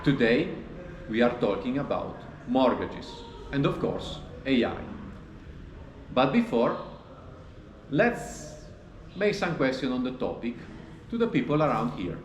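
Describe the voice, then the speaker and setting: A man hosting a casual tech tutorial, walking through code in a relaxed, plain explanatory way. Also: mid-range voice, measured pace, long pauses. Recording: echoey with long reverb and faint noise.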